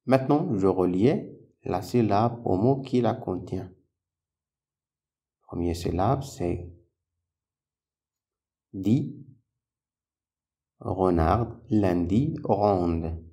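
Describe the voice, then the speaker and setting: A man's voice: low-pitched, animated, drawn-out words, long pauses, mellow. A man teaching a phonics lesson to young children, patiently sounding out and repeating syllables and words. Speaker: primary school teacher.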